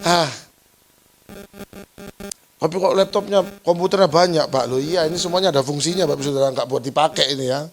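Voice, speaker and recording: A man's voice: a little high, brisk, pauses often, soft background music. A male pastor with a Surabaya accent preaching a playful, joking sermon to his church, teasing the congregation and laughing often. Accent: Surabaya Javanese-flavored Indonesian. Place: church service.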